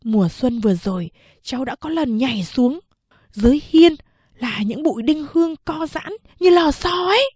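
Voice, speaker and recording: A woman's voice: high-pitched, animated, moderate pace, a little mellow, breathy edge, dry recording, voice pushed up. A woman voicing an eager young boy who coaxes and pleads with his uncle in an audiobook. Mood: urgent coaxing. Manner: urgent, coaxing. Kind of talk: audiobook character voice.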